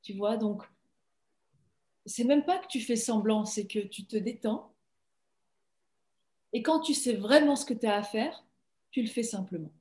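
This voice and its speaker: A woman's voice: fairly high pitch, a little slow, pauses often, darkish tone, roomy sound. A young woman from Belgium, an actress, chatting casually and laughing often in an interview over a video call.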